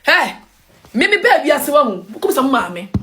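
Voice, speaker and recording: High-pitched Ghanaian woman commentator, very animated, emphatic English-Twi rant. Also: a little fast, a little hiss or hum. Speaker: online commentator. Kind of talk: passionate opinion rant.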